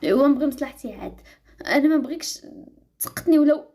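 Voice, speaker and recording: A woman voicing a feisty young female student, with a Moroccan accent and a sharp, defiant way of talking. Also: sits high, animated, quick pace.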